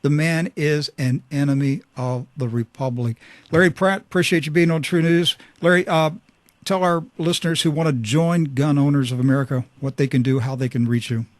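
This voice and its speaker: A man's voice: on the high side, moderate pace, no echo. A man hosting a radio talk show, fervent and emphatic, speaking into a studio microphone.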